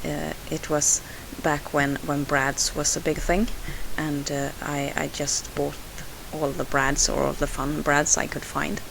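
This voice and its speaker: In a hissy home voice-over, a Swedish woman with a Swedish accent walks through her scrapbooking process as the video's host. Her low, creaky voice barely moves in pitch, and she speaks unhurriedly with hardly any pauses. Still, she sounds hesitant, full of "uh" fillers and restarts.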